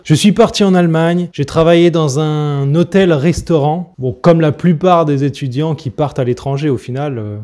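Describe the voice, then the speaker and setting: A young man from France telling a story casually, with animated, self-mocking asides to his viewers. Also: fairly high pitch. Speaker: vlogger.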